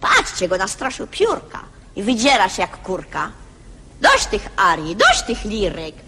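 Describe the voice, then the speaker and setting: A woman's voice: medium pitch, wildly swooping pitch, a little slow, pushed and bright, breathy edge, voice pushed down, full character voice. A woman doing a grumpy chirping sparrow. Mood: grumbling. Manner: scolding, clipped chirps. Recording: archival radio with hall reverb.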